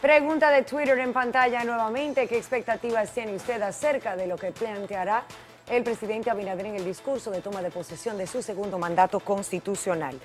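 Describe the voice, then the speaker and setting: A woman in her twenties with a Dominican accent, presenting news briskly in a TV studio. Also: mid-range voice, fairly even intonation, faint music behind. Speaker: news anchor.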